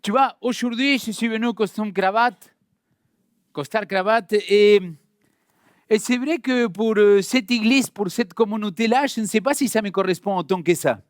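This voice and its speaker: This man is a pastor from Argentina giving a sermon in a church hall, talking straight to the congregation in an easy, friendly style with a light Argentine Spanish accent. He speaks at normal speed in a high-pitched voice, captured at studio quality with no room sound.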